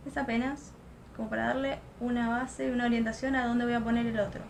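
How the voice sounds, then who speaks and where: A woman's voice: a little high, flat delivery, fast talker, creaky, a little hiss or hum. A young woman, chatting casually through a makeup tutorial at home and thinking aloud. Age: young adult. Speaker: makeup vlogger. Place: home room, close to a lamp.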